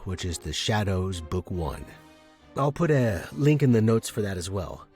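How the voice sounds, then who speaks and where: Fairly low in pitch and darkish in tone, this man's voice leads a fiction podcast. He chats informally in the intro, then reads a story aloud in dramatic fashion.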